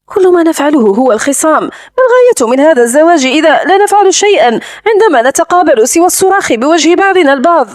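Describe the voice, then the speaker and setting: A woman reads the part of a proud, guarded young bride who pleads and holds back. Her pitch is high, and the recording is dry and close to the mic. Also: big pitch swings, fast, few pauses, a little mellow, no echo. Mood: sad. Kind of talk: audiobook dialogue reading.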